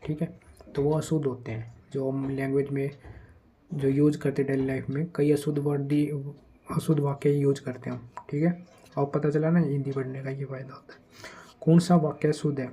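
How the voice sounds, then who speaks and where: A man with a mellow, warm voice teaches an exam-prep grammar lesson in a relaxed, conversational way. He reads each test sentence slowly, then picks up speed to warn about common traps. A faint hiss of noise sits under the recording. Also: medium pitch, low-quality recording.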